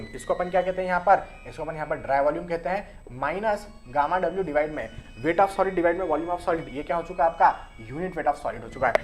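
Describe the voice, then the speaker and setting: A man's voice: a little high, a little hiss or hum. A young man giving a live engineering lecture at a whiteboard, explaining step by step and asking rhetorical questions. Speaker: engineering teacher. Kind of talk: live online lecture at a board. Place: classroom at a whiteboard.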